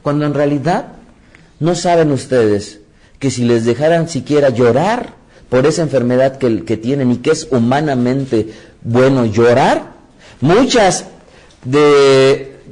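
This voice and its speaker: A man preaching a sermon, reading scripture aloud and talking straight to his listeners, his voice rising high and loud when the story gets heated and dropping soft and low afterward. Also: a little slow. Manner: animated storytelling with sudden rises in pitch and loudness; addresses audience directly, reads scripture aloud.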